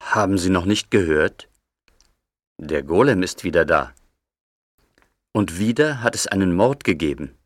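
A deep-voiced, blunt, rough-spoken grumbler, lively delivery. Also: male voice, a little slow, long pauses, dry recording, studio quality. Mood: agitated. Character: gruff suspicious older man, blunt and grumbling. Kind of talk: audio drama acting.

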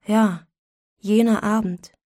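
A woman reading a classic story aloud as narrator, measured and expressive. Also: mid-range voice, dry recording, studio quality.

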